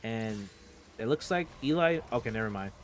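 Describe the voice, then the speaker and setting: A man co-casting an esports match, breaking down the plays in a quick conversational way. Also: lowish voice, animated, a little hiss or hum. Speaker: esports color commentator. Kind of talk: game analysis commentary.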